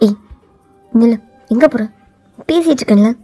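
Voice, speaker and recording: A woman's voice: a little high, moderate pace, dark tone, slightly rough, soft background music, voice pushed down. A woman voicing a cold, arrogant young male CEO who talks in a taunting, domineering way. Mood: irritated. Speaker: voiceover artist.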